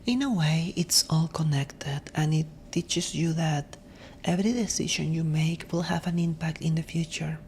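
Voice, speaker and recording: A woman speaking in a soft, breathy ASMR voice that often drops into a whisper, gentle and reflective, as if helping someone sleep. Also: low-pitched, normal speed, a little hiss or hum. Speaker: ASMR host.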